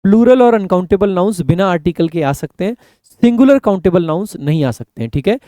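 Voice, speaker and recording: Man, grammar lesson for exams, higher-pitched voice, mellow tone, dry studio sound. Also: expressive, fairly quick, dry recording. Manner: explains in Hindi mixed with English examples, addresses viewers as brother. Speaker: grammar teacher. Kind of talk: exam-prep classroom lesson. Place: indoor recording studio with air conditioning.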